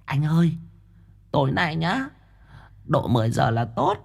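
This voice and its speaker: A woman's voice: very animated, measured pace, vocal fry, exaggerated voice. A sly whispering woman medium. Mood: whispering, scheming. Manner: hushed high whisper, teasing. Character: scheming young woman spirit medium, greedy, cheeky.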